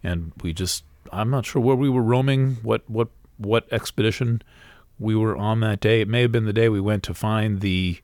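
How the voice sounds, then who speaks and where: A man's voice: lowish voice, normal speed, a little mellow, no room sound, studio quality. A man giving a casual, rambling astrology reading, full of fillers and restarts, hiccuping now and then.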